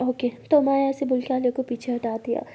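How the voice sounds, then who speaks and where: A woman's voice: sits high, flat delivery, fast, reverberant, big-room sound, dull audio. A woman narrating a love story in a plain, conversational way.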